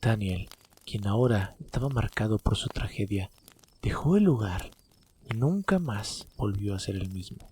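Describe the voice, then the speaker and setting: A man tells a campfire horror story in dramatic narration. His voice is lowish, very mellow and breathy. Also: expressive, unhurried.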